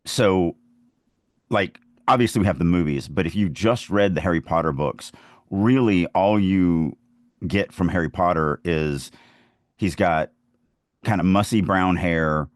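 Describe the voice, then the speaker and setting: Chatting casually about writing on the podcast he co-hosts, this man makes his points emphatically, often repeating phrases. His low voice keeps a measured pace, and the studio sound is clean with no echo.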